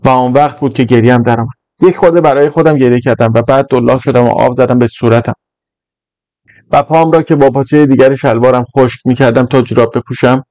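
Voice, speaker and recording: A man narrating a short story in an even, measured reading voice. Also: medium pitch, no echo. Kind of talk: scripted narration.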